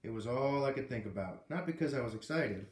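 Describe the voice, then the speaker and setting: A man in his thirties casually reads a storybook aloud in his living room, adding chatty asides, while a camera a few feet off captures roomy, echoey home sound. His mid-range, darkish voice is expressive and fairly quick.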